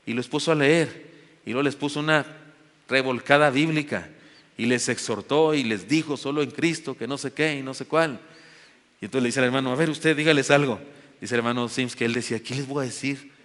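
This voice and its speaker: A man's voice: medium pitch, brisk, a bit bright. A man with a Mexican Spanish accent preaching a sermon as pastor, telling a story earnestly and building to emphatic exhortation. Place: church sanctuary with long reverb. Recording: church hall reverb.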